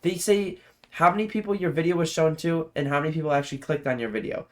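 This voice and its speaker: A man's voice: on the high side, fairly even intonation, fast. A man hosting a reaction video, commenting casually in a rambling way, full of filler words and easily impressed.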